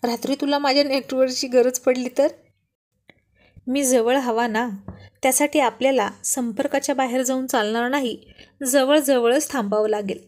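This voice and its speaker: A woman's voice: high voice, fairly even intonation, normal speed, darkish tone, close to an everyday voice. A woman voicing a teasing young husband.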